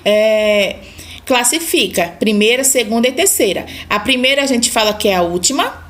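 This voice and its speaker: A Brazilian woman gives a grammar lesson in a fairly high voice. She explains patiently and keeps checking that her pupils follow along. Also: a bit bright. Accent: Brazilian Portuguese. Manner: patient, repeats "tá?" to check understanding. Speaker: teacher.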